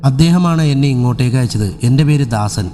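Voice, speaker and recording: A man voicing a stern servant of a sorcerer, speaking gravely and reproachfully, lower than his narration. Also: fairly quick, dark tone, big-room sound, close to an everyday voice.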